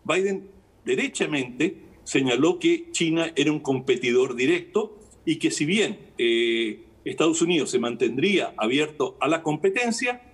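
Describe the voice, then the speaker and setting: Older male news analyst on a remote link, husky, slightly high voice, explanatory and unhurried. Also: expressive. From Chile. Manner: measured, explanatory, frequent "eh" fillers. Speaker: international analyst. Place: home room with lamp, remote link.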